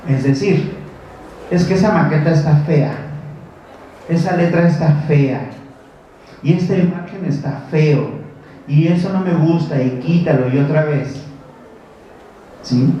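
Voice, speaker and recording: A man's voice: medium pitch, warm tone, a little hiss or hum. A man with a Mexican accent, a teacher giving a talk to a parents' group, who keeps checking in with his listeners and acts out parents and children. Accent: Mexican Spanish. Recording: very echoey, distant, dull lo-fi room recording.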